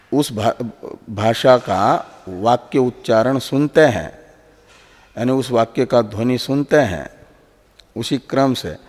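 Slow, patient male teacher in echoing hall. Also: medium pitch. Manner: patient, repeats words and restarts, answers with a soft "haan". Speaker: teacher of Indian philosophy. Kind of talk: slow explanatory lecture with pauses for questions. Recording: long hall reverb.

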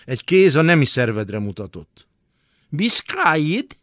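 A man reading a literary story aloud for radio in a radio studio, with dramatic, expressive delivery. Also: medium pitch, no room sound. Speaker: narrator.

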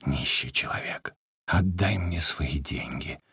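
A man reading a story aloud, voicing a drunk peasant man who wails, weeps and threatens in a slow, drawn-out way. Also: extremely low pitch, breathy edge, dry recording, studio quality, pitched below the performer's own voice, exaggerated voice. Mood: hoarse menacing. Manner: wailing, shouting, drawn-out. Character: drunk, grief-crazed peasant man, weeping and menacing.

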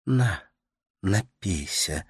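A man voicing a gentle, caring young woman in an audiobook, in a soft, soothing, sing-song manner. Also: deep voice, lively intonation, drawn-out words, breathy edge, no room sound, studio quality, full character voice. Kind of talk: audiobook character voice.

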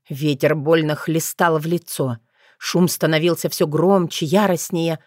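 A woman narrating a fairy tale as an audiobook reader, measured and dramatic. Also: fairly low pitch, darkish tone, no echo, clean studio sound.

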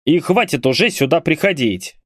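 A man's voice: on the high side, expressive, moderate pace, no echo, studio quality, pitched above the performer's own voice. A man voicing a burly, bearded guild doorkeeper who talks with scorn and barks orders, raising his voice. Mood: scornful. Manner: scornful, barking.

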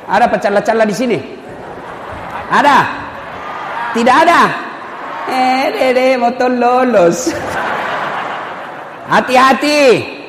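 A man's voice: very high voice, slow, long pauses. A man preaching a humorous sermon, joking and bantering with the congregation. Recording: echoey hall with faint background hum.

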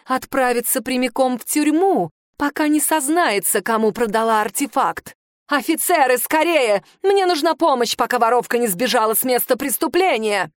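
A woman's voice: sits high, animated, normal speed, dry recording, studio quality. A woman voicing a haughty aristocratic aunt who shrieks with venomous contempt, in an audiobook reading. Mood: commanding rage. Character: furious haughty aristocratic aunt, shrill and scornful.

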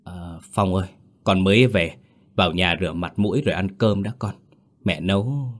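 A man's voice: deep voice, moderate pace. A man voicing an older mother who is grieving and tearful, sobbing as she confesses in an audio story. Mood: evasive. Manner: sobbing, pleading.

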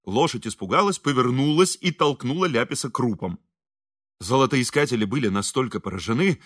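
A man narrating an audiobook in a lively, expressive way. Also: mid-range voice, no echo, clean studio sound. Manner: lively, expressive, voices characters. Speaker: audiobook reader.

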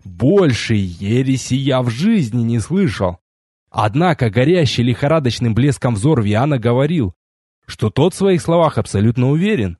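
Expressive husky male audiobook narrator. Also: mid-range voice, normal speed, no echo, studio quality. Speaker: audiobook reader. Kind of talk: first-person audiobook narration.

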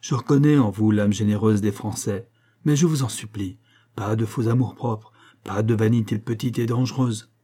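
Guy reading out a calm serious guide man, husky low voice, talks measured. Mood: pleading. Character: steady grave Sinhalese guide, adult man.

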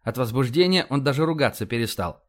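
A man's voice: medium pitch, expressive, fast talker, fairly bright tone. A man reading an audiobook aloud as narrator. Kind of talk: scripted narration.

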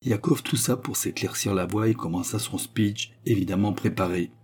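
A man narrating a novel in a steady, measured audiobook reading. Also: on the low side, slightly rough.

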